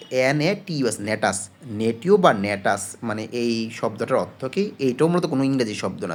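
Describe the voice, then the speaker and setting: A man tutors students for an exam, patiently explaining, asking his own questions and answering them, with frequent hesitation fillers. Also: medium pitch. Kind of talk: casual spoken lesson.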